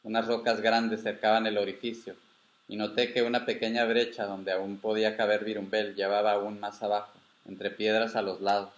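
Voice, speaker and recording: A man, the author reading his own story aloud in calm, steady first-person narration. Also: on the low side, normal speed, reverberant.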